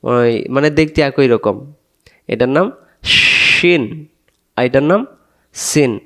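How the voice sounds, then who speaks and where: A man's voice: mid-range voice, expressive, moderate pace. A man teaching Arabic letter pronunciation for Quran reading, patiently drilling syllables and asking learners to repeat after him. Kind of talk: slow letter-by-letter recitation lesson.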